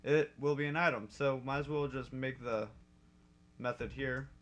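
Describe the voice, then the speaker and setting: A young man talks through a casual coding tutorial at his desk, chatty and quick to correct his own slips. His voice sits at an ordinary middle pitch. Keyboard typing clacks behind him. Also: steady tone, dull audio. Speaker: modding tutorial host.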